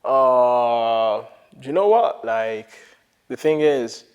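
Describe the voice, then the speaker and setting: A young man from Nigeria who grew up in Italy, talking casually as an interview guest, relaxed and rambling with lots of fillers. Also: medium pitch, extremely slow, clear, resonant tone, lo-fi sound. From Nigeria, raised in Italy. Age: young adult. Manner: relaxed, rambling, many fillers and "you know". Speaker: interview guest, sneaker developer.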